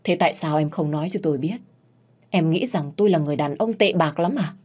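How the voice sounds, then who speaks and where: Woman reading a young master, low husky voice, stern and questioning. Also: quick pace, warm tone. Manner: serious, questioning. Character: young master of the house, stern then gentle.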